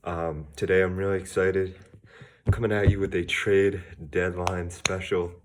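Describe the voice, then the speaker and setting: A man's voice: deep voice, level tone, a little slow. A young man in his late teens hosting a casual sports vlog, talking in a loose, rambling way and a little out of breath. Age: young adult. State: slightly out of breath. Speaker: sports video host.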